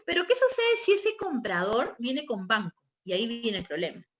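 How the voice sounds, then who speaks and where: Give me a woman with a slightly high voice leading an explanatory training lecture. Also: huge pitch swings, normal speed. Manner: explanatory, checks in with tag questions. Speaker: real estate trainer.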